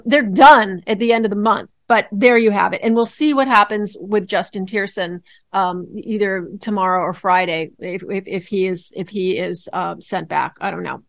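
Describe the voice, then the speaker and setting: A woman co-hosting a casual podcast, talking astrology and politics in an excitable, rambling way with many restarts. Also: medium pitch, no echo.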